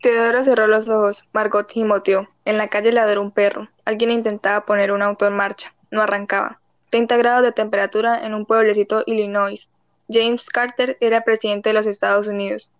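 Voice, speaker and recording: A woman reads a story aloud in a level, monotone delivery. The sound is dry and close, with dull, lo-fi quality. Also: mid-range voice, fairly quick, smooth, no echo. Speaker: narrator. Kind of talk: scripted audiobook narration.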